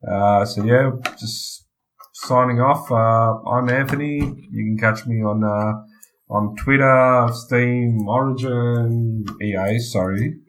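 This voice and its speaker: A man co-hosting a gaming podcast in casual chat, relaxed and hesitant with fillers. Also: medium pitch, slow pace. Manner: relaxed, hesitant with many uhs when signing off. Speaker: podcast co-host.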